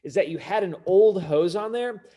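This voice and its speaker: A man's voice: sits high, normal speed, dark tone. A middle-aged man co-hosting a casual podcast chat as a mechanic, talking bluntly and emphatically, swearing freely.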